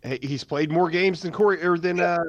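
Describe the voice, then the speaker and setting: A man co-hosting a casual fantasy football podcast from home over a remote call, teasing and quick to argue his picks. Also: high-pitched, dry recording, highs cut off. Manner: argumentative, teasing. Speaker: podcast co-host. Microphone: remote call mic.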